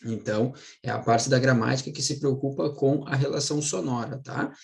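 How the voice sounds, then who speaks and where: A man teaching Portuguese in a casual online lesson. He keeps checking in with his students and slows down to stress words as he explains them. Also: medium pitch, creaky, darkish tone. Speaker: Portuguese teacher for exam prep.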